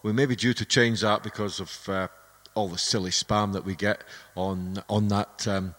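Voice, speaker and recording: A man's voice: on the low side, steady tone, normal speed, a bit bright. A man presenting a music radio show in a casual, rambling, informal way with some hesitation. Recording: shortwave radio broadcast, long reverberant tail.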